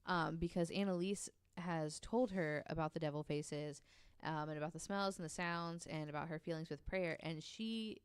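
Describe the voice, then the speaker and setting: A podcast co-host with a low, smooth voice tells a story in a casual chat, narrating at length at a moderate pace. She says "um" often and reads quotes aloud, and there's no echo on the recording.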